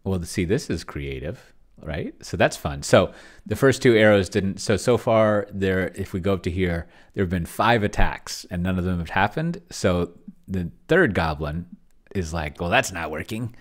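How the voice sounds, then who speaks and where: A middle-aged man whose voice sits low but carries lively intonation speaks at a moderate pace. Hosting solo tabletop roleplaying with a chatbot, he rambles through relaxed screencast commentary, reading along and thinking aloud in a small, cluttered indoor room.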